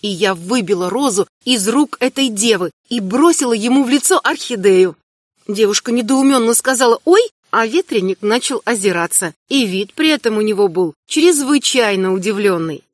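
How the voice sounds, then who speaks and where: A woman narrating a first-person fantasy audiobook in a measured, expressive storytelling manner. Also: medium pitch, no echo, studio quality.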